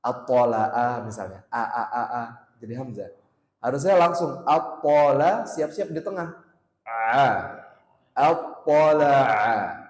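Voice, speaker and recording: A man teaching Quran recitation at a mosque study circle, drilling letter sounds by repeating them slowly and loudly. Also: mid-range voice. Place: mosque hall. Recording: echoey mosque hall with long reverb.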